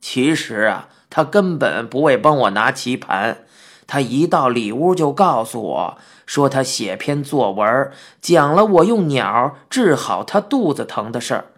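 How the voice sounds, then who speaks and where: A reader voicing a mischievous, playful old man who talks in a gruff, slow, teasing drawl, in a children's story. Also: medium pitch, big pitch swings, voice pushed down. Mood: matter-of-fact.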